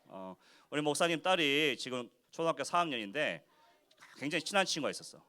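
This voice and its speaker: A man giving a children's sermon as pastor in church, animated and constantly asking the kids questions. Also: fairly high pitch, fast. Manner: acts out quoted speech in short voices. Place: church worship service for children.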